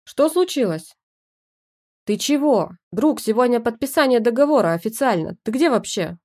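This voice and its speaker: A woman's voice: on the high side, expressive, darkish tone, pitched above the performer's own voice. Woman doing a chummy male friend on the phone. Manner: brisk, chummy questioning. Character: male friend phoning, cheerful, pushy colleague.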